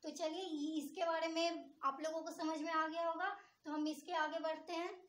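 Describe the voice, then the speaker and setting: A woman's voice: very high voice, little pitch movement, normal speed. A woman teacher explaining grammar step by step, posing questions to her students and answering them herself. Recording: echoey room.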